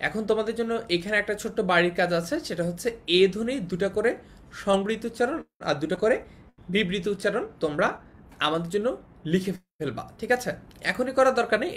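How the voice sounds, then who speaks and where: A woman teaching an online class, explaining patiently, repeating key points and checking that students follow. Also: fairly bright tone. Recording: faint noise and low rumble.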